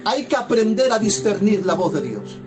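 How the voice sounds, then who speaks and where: A pastor from preaches in a high, ringing voice. He delivers his sermon fervently and leans on repeated phrases for emphasis. A plucked guitar plays clearly underneath him. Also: sing-song, normal speed. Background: soft guitar music.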